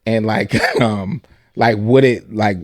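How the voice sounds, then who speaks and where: A man's voice: on the low side, fairly even intonation, slow, darkish tone. A man hosting a podcast in casual chat, speaking thoughtfully and restarting his sentences as he works through an idea. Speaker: podcast host.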